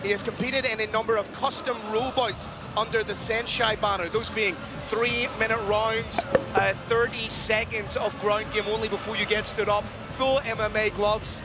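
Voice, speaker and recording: A man's voice: high-pitched, fairly even intonation, moderate pace. A man commentating a fight broadcast, reading out fighter records in a polished broadcaster's manner. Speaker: play-by-play commentator. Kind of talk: sports commentary. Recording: music under the voice.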